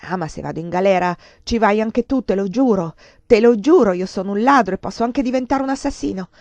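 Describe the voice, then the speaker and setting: A woman reading aloud, voicing a ruined, desperate man who shouts bitter accusations. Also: mid-range voice, lively intonation, normal speed, dry recording, natural voice. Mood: threatening. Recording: dull lo-fi dry recording.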